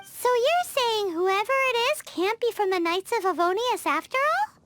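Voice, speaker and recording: Paimon, a shrill little fairy sidekick. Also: female voice, big pitch swings, normal speed, heavy background noise. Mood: perky. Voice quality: shrill, bubbly. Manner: blurts out questions and quips. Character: tiny excitable floating fairy companion. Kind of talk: game cutscene voice acting. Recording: game audio with music behind.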